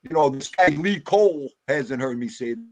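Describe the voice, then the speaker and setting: A man's voice: fairly high pitch, expressive, normal speed, a little mellow, no room sound. A man on a casual livestream panel, speaking in an emphatic, plain-spoken way and repeating his points. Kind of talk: casual chat.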